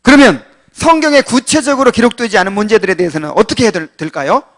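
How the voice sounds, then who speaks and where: A male pastor in a slightly higher register gives a catechism sermon in a conversational manner. He keeps asking rhetorical questions, fills pauses with small sounds, and swings from loud emphasis to quiet asides. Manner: many fillers and restarts, swings from loud to quiet.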